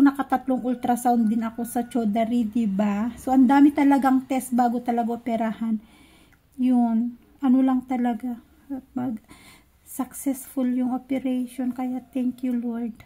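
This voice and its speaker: A woman vlogger telling a personal story in a chatty, casual way, often pausing to search for words. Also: a little high, warm tone, husky.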